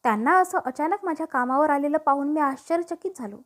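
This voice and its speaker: A woman reads a scripted story aloud in a steady, even manner. Her voice sits high and light throughout. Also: fast.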